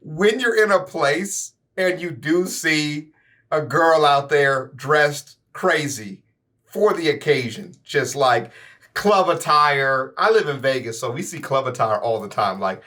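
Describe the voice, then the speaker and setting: An American man with a bright, forceful voice gives casual reaction commentary. His pitch sits fairly high and swings widely, with animated, slangy exclamations. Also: takes it slowly. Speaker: reaction video host.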